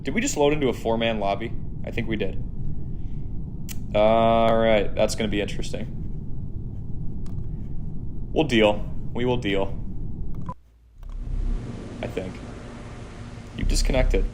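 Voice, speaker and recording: A man's voice: fairly low pitch, a little slow, long pauses, background noise. Man streaming with an echoey room sound. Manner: chatty, reads out and answers viewer comments. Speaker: live-stream host. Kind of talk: casual live-stream chat while gaming. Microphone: no headphones, audio through device.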